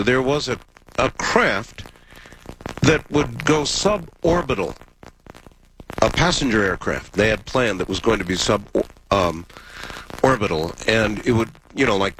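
A man's voice: lowish voice, a bit bright, a little hiss or hum, poor audio. An American man hosting a casual radio call-in show, wry and dry-humoured, sick with a cold.

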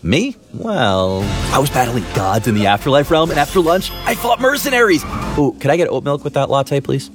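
Breezy customer in a radio ad, casual deadpan bragging, lively pitch, music behind. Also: male voice, normal speed. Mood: breezy, playful. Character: breezy male café customer, playfully boastful gamer. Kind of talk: acted radio ad dialogue.

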